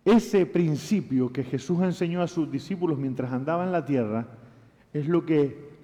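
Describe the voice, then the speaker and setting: A man preaching in a church, his voice set a little high but mellow and dark in tone. He speaks slowly and with emphasis, repeating key phrases and tagging lines with rhetorical questions. A long reverb hangs behind him from the hall. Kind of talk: sermon. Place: church sanctuary.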